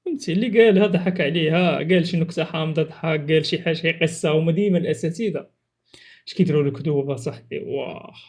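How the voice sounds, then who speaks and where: A man with a Moroccan accent reacts to funny clips as a video creator, chatting casually and teasingly with exclamations. His voice is a little high and a little mellow, he talks very fast, and there's slight hiss or hum.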